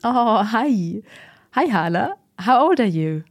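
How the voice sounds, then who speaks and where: Woman playing curious female interviewer, friendly, encouraging, very animated intonation, conversational drama delivery. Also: fairly high pitch, slow pace, exaggerated voice. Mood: sweet, friendly. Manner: encouraging, expressive questioning.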